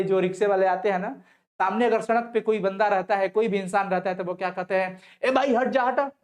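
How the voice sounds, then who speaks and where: Male teacher, online class. Reads out a passage, explains it, and asks questions he answers himself, in a reassuring, coaxing way. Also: sits high. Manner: reads the text aloud, then explains it and answers his own questions. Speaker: Hindi teacher.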